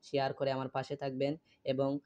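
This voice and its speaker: A man teaching Arabic letters in a slow, patient step-by-step lesson, repeating each letter with small fillers. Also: medium pitch, completely flat delivery, darkish tone. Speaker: Quran reading teacher. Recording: dull lo-fi recording.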